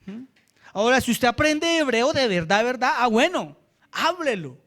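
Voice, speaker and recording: A man with a Colombian accent preaching a sermon as pastor. He slows down for scripture and keeps asking the congregation quick checks. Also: very high voice, sing-song, a bit bright. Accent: Colombian Spanish. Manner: asks the congregation short checks like "¿cierto?" and "¿sí?".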